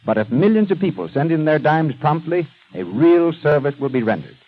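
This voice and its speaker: Old radio show announcer: man, fairly high voice, formal and polished, dull lo-fi 1930s broadcast sound with light hiss. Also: sing-song, brisk.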